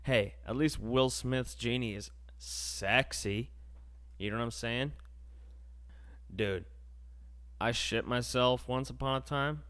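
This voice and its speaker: A man's voice: medium pitch, slow, long pauses, fairly bright tone, clear, resonant tone. A young man hosting a podcast, ranting in a casual, sarcastic, rambling way. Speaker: podcast host. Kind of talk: casual comedic rant.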